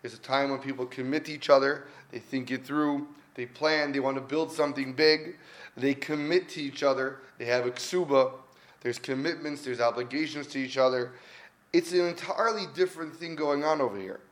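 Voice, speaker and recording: A man's voice: medium pitch, fairly even intonation, moderate pace. A man giving an earnest weekly Torah talk, telling stories in a conversational way and stressing his points by repeating them. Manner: earnest, conversational, with emphatic repetition. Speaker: Torah teacher.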